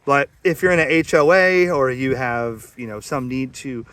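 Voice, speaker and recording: In a backyard beside a metal shed, an American radio hobbyist making videos chats plainly and informally, moving between casual talk and amateur radio calls. His mid-range voice is fairly bright in tone and keeps a moderate pace.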